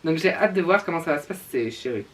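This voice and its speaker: A man's voice: fairly high pitch, animated, fast, fairly bright tone, distant mic. A man giving casual reaction commentary on fashion looks with campy, theatrical drag-queen flair, sprinkling in pet names and English slang. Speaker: reviewer giving opinions on a televised drag competition.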